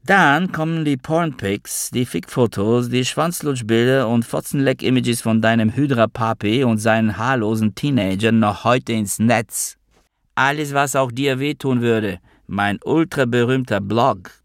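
A man's voice: mid-range voice, measured pace, no room sound, clean studio sound, pitched above the performer's own voice, lightly acted. A man reading an audiobook, voicing a scheming, crude male blackmailer who taunts his victim theatrically. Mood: threatening.

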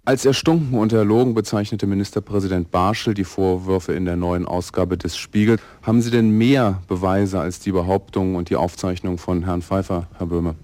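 A male radio interviewer with a very deep voice presses with pointed, probing questions. The archival recording is dry and close. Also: fairly even intonation, normal speed, hardly any pauses, darkish tone, no echo, faint music behind. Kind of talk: broadcast interview.

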